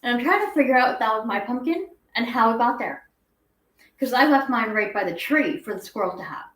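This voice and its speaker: A woman's voice: on the high side, lively intonation, brisk, fairly bright tone. A young adult woman hosting a casual home livestream, rambling as she reads viewer comments aloud. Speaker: guinea pig channel host. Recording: echoey room.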